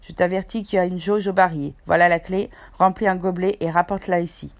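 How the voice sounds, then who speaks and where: A woman's voice: on the low side, fairly even intonation, fast, lightly acted. Long John Silver, voiced by a woman. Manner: folksy sailor's slang, persuasive. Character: cunning old male pirate cook, smooth-talking and ruthless. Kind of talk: audiobook character voice.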